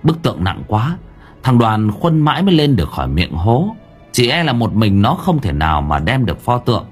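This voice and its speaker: A man narrating an audiobook in an expressive, dramatic way. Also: mid-range voice, moderate pace, breathy edge, faint music behind. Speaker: storyteller.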